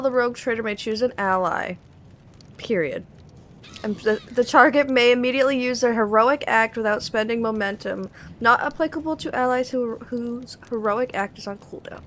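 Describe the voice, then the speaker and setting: Into a cheap arm-mounted desk mic, a young woman rambles through casual gaming stream chat, swearing now and then. She talks at normal speed in a fairly high, somewhat bright voice.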